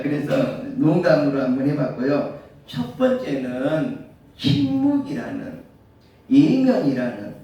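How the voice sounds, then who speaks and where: A man's voice: on the high side, mellow. A male pastor preaching a sermon, asking his listeners rhetorical questions. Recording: very echoey room, mic far off.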